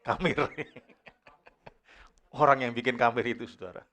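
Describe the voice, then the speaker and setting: Man preaching a lively church sermon. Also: normal speed. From Indonesia. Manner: addresses the congregation as "saudara", asks rhetorical questions; shifts from quiet storytelling to loud, high-pitched exhortation. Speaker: pastor. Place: church service.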